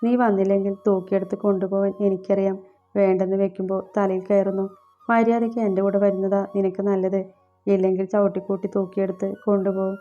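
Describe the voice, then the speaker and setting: A remorseful young husband from a romantic audiobook story, pleading to be forgiven, voiced by a woman narrator. The delivery is flat and mellow. The recording sounds a little dull, with soft music behind. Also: high voice, quick pace, natural voice. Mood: threatening.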